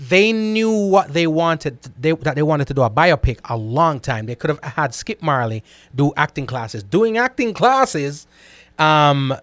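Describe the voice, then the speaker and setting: A man's voice: a little high, fairly bright tone, no echo. A Jamaican man hosting a radio call-in show, talking emphatically and repeating phrases for effect. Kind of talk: casual radio talk.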